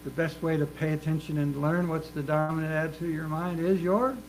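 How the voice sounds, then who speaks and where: A man's voice: fairly high pitch, fairly even intonation, a little fast, a little mellow, poor audio. A man preaching a sermon in an earnest, emphatic way, repeating phrases for rhythm. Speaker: minister. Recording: faint mains hum.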